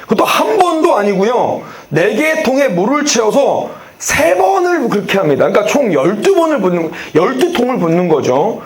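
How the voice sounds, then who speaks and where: A man's voice: very high-pitched, sing-song, moderate pace, few pauses. A man preaching a sermon as pastor, talking animatedly and putting questions straight to the congregation.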